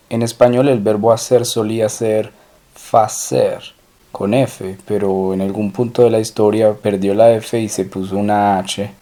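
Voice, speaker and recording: A man teaching French in a recorded lesson, slowly drilling and repeating each phrase. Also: fairly low pitch, dark tone. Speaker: language teacher.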